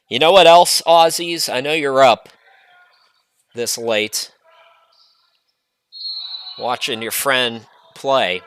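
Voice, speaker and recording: A man calling a basketball game play-by-play, chatty and prone to rambling asides between excited calls. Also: medium pitch, dry recording. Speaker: play-by-play announcer.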